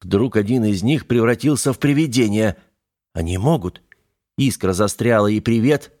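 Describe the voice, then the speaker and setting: A man's voice: lowish voice, moderate pace, darkish tone, natural voice. A man reading a storybook, voicing a young worker who sneers and frets in a raised, nervous voice. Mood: spooked. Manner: snide, nervous chatter. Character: young male worker, jittery and mocking.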